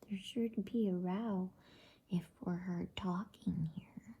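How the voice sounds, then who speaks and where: A woman plays a timid little girl, the youngest sister in a bedtime storybook. She is cautious and uneasy, whispering slowly and breathily in a soft, mellow tone. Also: lowish voice, fairly even intonation, gravelly, husky, heavily acted. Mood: anxious.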